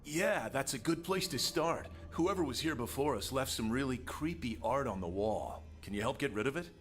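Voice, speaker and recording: An actor playing a reflective former captive in a video game, narrating in an articulate, wry and measured way. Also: male voice, mid-range voice, animated, faint music behind, lightly acted. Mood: wry, uneasy.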